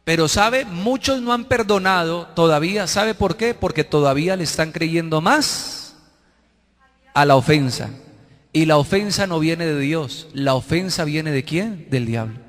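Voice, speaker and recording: A man's voice: fairly high pitch, unhurried. Colombian pastor guy preaching, quizzes the crowd, mocks folks' excuses, reverb-y hall. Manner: animated preaching, asks the congregation to finish his phrases; acts out worshippers and quarrelling couples in mocking voices. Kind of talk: sermon.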